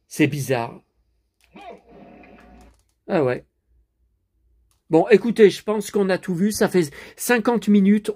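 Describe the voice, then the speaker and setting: This vlogger's voice sits high and is a little mellow as he chats through a running commentary on a DVD he's watching. He keeps addressing viewers with tag words and mutters to himself when he gets flustered.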